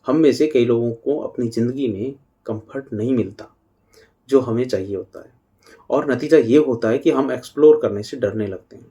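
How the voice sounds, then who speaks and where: Middle-aged male spiritual teacher, unhurried talk, soft dark tone. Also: mid-range voice. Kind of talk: devotional talk on parenting.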